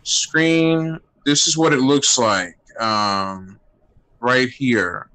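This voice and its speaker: A man calling into a video chat from his phone, asking questions in a hesitant, halting way. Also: mid-range voice, sharp tone, clear, resonant tone, poor audio. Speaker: caller. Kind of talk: casual video-call chat. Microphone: phone on a video call.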